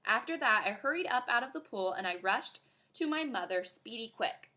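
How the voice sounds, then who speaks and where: Woman reading a children's book aloud, bright, very lively voice. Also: on the high side, moderate pace. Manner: expressive, animated. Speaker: reader.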